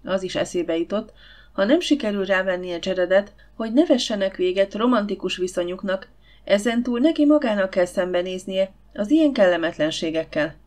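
A woman narrating a novel audiobook in a steady storytelling manner. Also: mid-range voice. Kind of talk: scripted narration.

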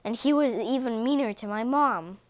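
A woman's voice: a little high, moderate pace, no echo, close to an everyday voice. A woman voicing a grumpy, bitter cat father who scolds in a sour way in a read-aloud storybook.

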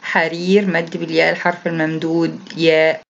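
Egyptian female teacher, lower voice, patient and repetitive, muffled lo-fi sound. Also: level tone, brisk, vocal fry. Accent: Egyptian Arabic. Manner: patient and repetitive, reads each instruction aloud, then explains it. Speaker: primary school Arabic teacher. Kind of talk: recorded classroom lesson explanation.

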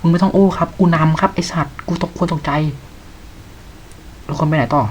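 A man playing a horror game, swearing a lot and yelping when startled, sometimes reading game text aloud slowly. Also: fairly high pitch, fairly even intonation, slight background noise, poor audio. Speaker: gamer.

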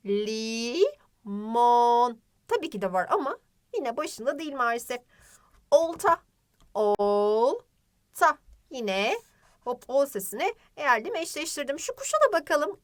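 Lively high-pitched woman teaching children. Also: normal speed. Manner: lively, sing-song, drawing out words for emphasis. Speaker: primary school teacher. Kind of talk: children's phonics lesson.

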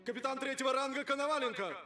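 A man's voice: very high voice, fast talker, pushed and bright, echoey room. An actor playing a pompous naval commander who addresses his crew in an oratorical, declamatory manner, in a film drama. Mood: pompous, solemn. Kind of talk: film drama speech to troops. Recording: distant from the mic, faint music behind.

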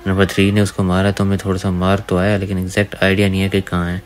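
A man's voice: low voice, completely flat delivery, fast. A man giving casual gameplay voice-over commentary, talking to viewers as brothers. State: dry throat from talking. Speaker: gaming YouTuber. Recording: faint gunfire under the voice.

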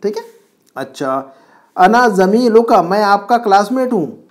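A man's voice: high-pitched, very animated, measured pace. Patient male Arabic teacher. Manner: patient, explains and quizzes the student. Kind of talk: online class teaching. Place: home.

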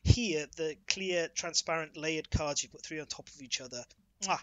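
A man's voice: a little high, moderate pace, fairly bright tone, no room sound. A man co-hosting a board game podcast in casual chat, playful and enthusiastic. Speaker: podcast co-host.

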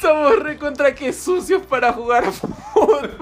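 Excitable man shouting over a game. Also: very high voice, heavy background noise. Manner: rapid repeated shouting and laughing. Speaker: gamer playing a soccer video game. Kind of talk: excited gameplay chat. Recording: game music playing behind. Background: game music.

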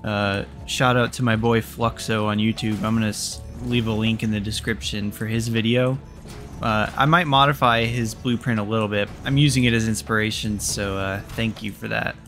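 A man's voice: on the low side, fairly even intonation, moderate pace, fairly bright tone, soft background music. A young man giving casual, jokey commentary over his factory-building gameplay, swearing freely. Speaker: gaming YouTuber.

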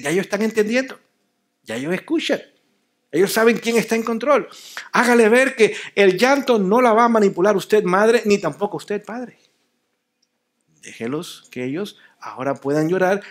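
High-voiced pastor preaching emphatically. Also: male voice. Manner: emphatic, repeats key phrases, drops to soft low endings. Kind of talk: sermon at a family seminar. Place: church.

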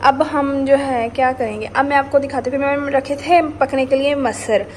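A young woman with a high voice talks through her housework and cooking in a chatty home vlog. She calls out to viewers as guys as she goes. Her voice is captured on a handheld phone, with clear background noise from the kitchen and traffic outside. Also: fairly even intonation, normal speed. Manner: chatty, addresses viewers as guys, narrates chores step by step. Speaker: vlogger. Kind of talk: casual chatty vlog narration. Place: apartment kitchen and laundry area, indoors.

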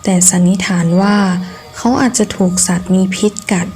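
A woman reading a scripted first-person ghost story in measured, deliberate phrases with pauses. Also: mid-range voice, steady tone, darkish tone. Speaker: horror story narrator.

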